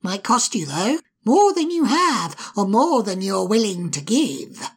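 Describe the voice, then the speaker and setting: A woman voicing a sly, spiteful male imp in a storybook, mocking and insulting in a raspy, put-on voice. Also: very animated, unhurried, full character voice. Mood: taunting. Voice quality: gravelly, raspy. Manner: mocking, sneering, darts between whispers and shrill taunts. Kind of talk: storybook reading.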